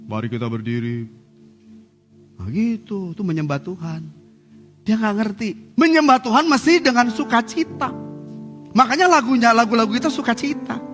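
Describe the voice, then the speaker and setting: A man preaching a sermon as pastor, lively and humorous, acting out quotes. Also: very high-pitched, normal speed. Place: church hall. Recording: church service with hall reverb and faint music.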